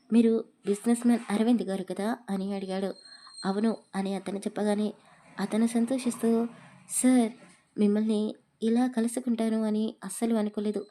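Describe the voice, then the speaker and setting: A woman's voice: mid-range voice, warm tone. A woman reading a romance audio story aloud, voicing every character's lines in her own voice.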